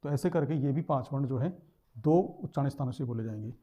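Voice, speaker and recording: A man's voice: mid-range voice, fast talker, warm tone. A man teaching a lesson, explaining step by step, repeating terms and sounding out letters.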